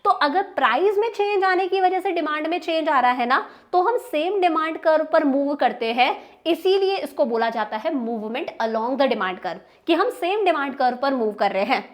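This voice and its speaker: A woman's voice: high voice, animated, normal speed, hardly any pauses. A young woman with an Indian accent teaching an exam-prep economics lecture, explaining step by step, stressing key terms and often asking if students have understood. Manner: explains step by step, checks understanding with repeated questions.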